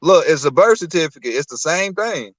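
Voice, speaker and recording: A man on a live stream explaining his beliefs slowly and firmly, like a preacher. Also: on the high side, expressive, fairly bright tone, no room sound, low-quality recording. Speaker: guest. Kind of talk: casual live-stream talk.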